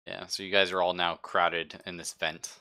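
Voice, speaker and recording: Running a tabletop RPG session, this game master speaks at a normal speed with a level tone, his deep, bright voice both gravelly and smooth. His narration stays relaxed and chatty, laced with humor and profanity.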